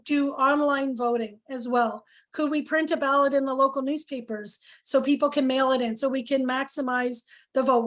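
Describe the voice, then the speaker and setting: A woman organizer presenting at a town hall over a video call, earnest with many pauses and fillers, losing her voice. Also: high voice. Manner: earnest, lots of ums and questions. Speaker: health coalition organizer.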